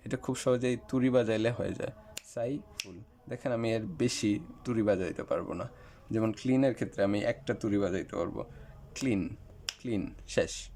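A man explains an English lesson step by step, talking straight to his viewers with the odd filler. His voice sits fairly low and has a dark, mellow tone. A faint hiss runs underneath the recording. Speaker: English teacher.

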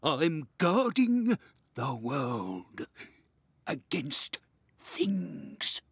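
A woman's voice: low voice, sing-song, very slow, husky, no echo, full character voice. A woman voicing an earnest, worried cartoon character who stands guard. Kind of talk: animated children's cartoon.

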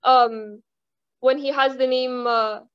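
A young woman giving a casual religious reminder, chatting with the audience, asking them questions and reciting Arabic quickly. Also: sits high, fairly even intonation, fairly bright tone, clear, resonant tone, dry recording. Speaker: Islamic reminder speaker. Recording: dull lo-fi dry sound.

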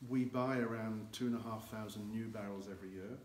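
Slightly mellow and on the low side, this older guide's voice keeps a fairly even intonation and moves a little fast. He explains cognac aging in a large, dim, earthen-floored barrel warehouse, both hands gesturing. The sound comes from a camera a few meters away, with echo and faint background noise.

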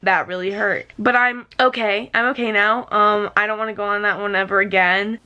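A woman's voice: mid-range voice, fairly even intonation, normal speed, bright, forceful tone, dull audio. A young woman casually telling a story to a phone held at arm's length in a bedroom. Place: small bedroom indoors.

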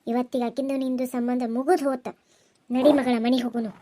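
A woman voicing a stern, protective middle-aged village aunt who scolds loudly, with a North Karnataka Kannada accent. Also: sits high, little pitch movement, fairly quick, a little hiss or hum, close to an everyday voice. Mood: scolding. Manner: scolding, threatening, loud.

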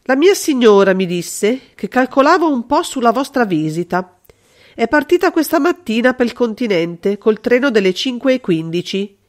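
A woman's voice: on the high side, sing-song, moderate pace. A woman voicing a sly, mocking old woman. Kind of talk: audiobook character reading.

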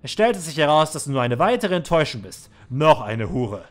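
A cruel, manipulative manager lectures with cold condescension, as read by a man. The voice sits a little high for a man, with a scolding edge. It is game dialogue read aloud in a let's play. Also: big pitch swings, brisk. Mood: contemptuous.

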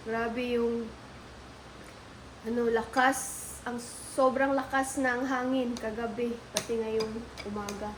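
High-pitched woman, slow unhurried talk, casual vlog chat, loud wind and rain noise behind. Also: level tone. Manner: chatty, addresses viewers as guys. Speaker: vlogger.

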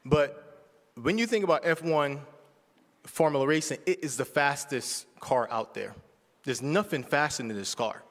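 At a measured pace, a man in his forties delivers a casual sermon in a church sanctuary, often checking in with the congregation. His voice is on the high side and a bit bright, echoing with the long reverb of the hall.

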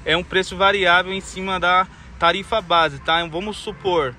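A rideshare driver vlogs casually from his car in the city, his high, bright voice steady and forceful at a normal pace. He talks slangy and calls his viewers family and guys. The noisy recording, made inside and around the car, picks up street and traffic sounds.

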